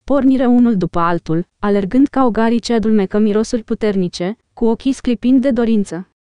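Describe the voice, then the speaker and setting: A woman narrating an audiobook as scripted narration, reading in a measured, even way. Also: a little high, clean tone, no room sound.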